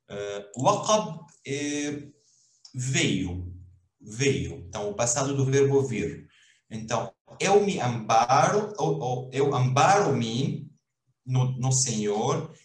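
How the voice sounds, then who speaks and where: A man teaching Arabic in a recorded online lesson, explaining slowly and haltingly with many restarts. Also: medium pitch, roomy sound. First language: Portuguese.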